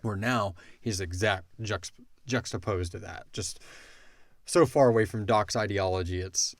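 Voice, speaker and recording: A podcast host and audio drama creator answers listener questions, casually talking through a story and acting out characters' lines in an animated retelling. His voice sits on the low side with a measured pace. The recording is dry and studio quality.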